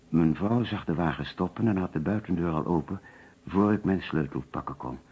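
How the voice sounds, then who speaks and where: A low, husky male voice with a Netherlands Dutch accent portrays a nervous, hesitant middle-class businessman recalling his discovery of a murdered man, narrating in first person and muttering to himself. The mood here is subdued and recollecting, and the old radio play recording is muffled and noisy.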